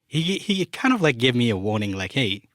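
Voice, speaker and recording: A young Ugandan software developer and Luganda speaker talks briskly in a mid-range voice as a podcast guest. He's casual and relaxed, using many fillers like "like" and "you know," and the studio-quality audio has no echo.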